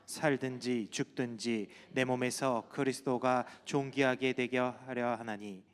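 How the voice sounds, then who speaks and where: A man reading a Bible passage aloud in a steady recitation in a church. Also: mid-range voice, a little slow, clear, resonant tone, long reverb tail. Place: church sanctuary.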